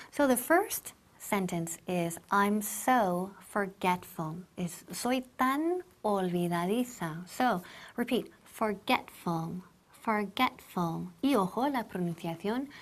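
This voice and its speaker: A woman teaching English to Spanish speakers, switching between both languages and repeating words slowly so learners can copy them. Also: mid-range voice.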